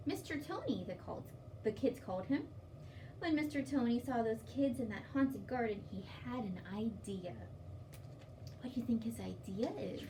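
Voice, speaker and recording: Heard through a distant mic over faint background noise, a woman hosts a library storytime, reading aloud and explaining to little kids in simple, instructive words. Her voice is on the high side and animated, at a normal speed.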